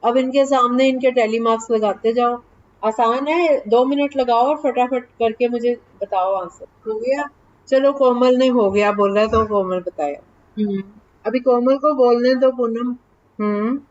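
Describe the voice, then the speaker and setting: A woman math teacher giving a class, patient and often checking that the students follow, dictating numbers slowly. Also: on the high side, lo-fi sound, slight background noise. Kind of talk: online class lesson in Hindi.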